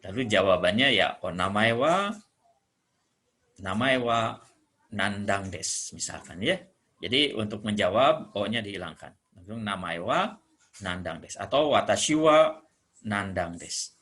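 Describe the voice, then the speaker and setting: A man from Indonesia teaching Japanese greetings, patiently explaining and slowly repeating each phrase. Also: lowish voice, expressive, fairly bright tone, husky. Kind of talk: classroom explanation.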